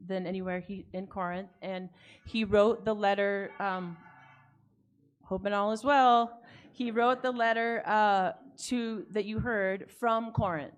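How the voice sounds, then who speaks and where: A woman pastor in her forties preaches from a pulpit microphone in a church. She moves between thoughtful, measured reflection and chatty personal stories told to her congregation. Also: mid-range voice, clean tone. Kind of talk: sermon. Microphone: speaking at a pulpit microphone.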